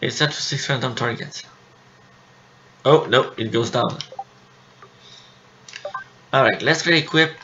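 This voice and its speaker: A man's voice: medium pitch, slow, pauses often, bright, forceful tone, lo-fi sound, a little hiss or hum. A man giving casual commentary as he plays a video game. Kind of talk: casual let's play commentary. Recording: faint game music behind. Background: game music.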